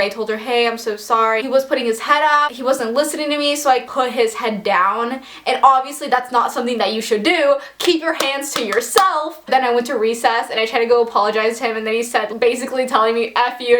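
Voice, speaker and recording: A woman's voice: fairly high pitch, fairly bright tone. A young woman telling personal stories in a casual storytime vlog, chatty and self-deprecating, with lots of "like" fillers. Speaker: vlogger.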